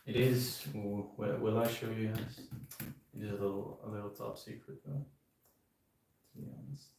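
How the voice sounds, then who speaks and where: Gravelly young streamer, echoey room. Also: male voice, lowish voice, normal speed. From Netherlands. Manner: relaxed, hedging with filler phrases. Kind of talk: casual livestream chat. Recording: echoey room, far from the mic, clicking noise.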